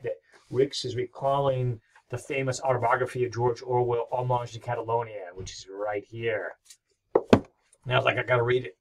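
The recording is rough as a middle-aged man of medium pitch, a history professor, lectures on history from his home office. He talks in a rambling, enthusiastic way packed with fillers.

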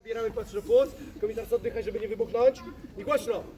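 High-pitched barking drill sergeant man, distant. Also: fairly even intonation, fast talker, very noisy. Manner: barking, commanding, mock-stern. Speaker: tour guide playing army corporal. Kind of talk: drill sergeant commands, comic guided tour. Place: outdoor fort tour with a group. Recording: distant mic, crowd around.

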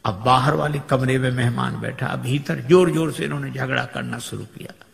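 A man's voice: medium pitch, moderate pace, creaky. A man giving a storytelling sermon, acting out characters' voices with humour. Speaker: preacher. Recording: echoey hall with long reverb.

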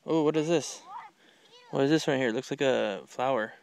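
In a casual garden tour, a man with a medium-pitched voice and some vocal fry talks at normal speed while filming his kids outdoors. Holding the camera as he walks, he gently asks them to name plants and encourages their responses with curiosity.

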